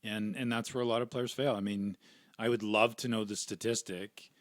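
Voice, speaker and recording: In a clean, echo-free studio recording, a man who once played pro hockey chats casually as a podcast guest. He speaks at a normal speed in a lowish, fairly even voice. His manner is thoughtful and sincere, and he often tosses in "right?" and "you know."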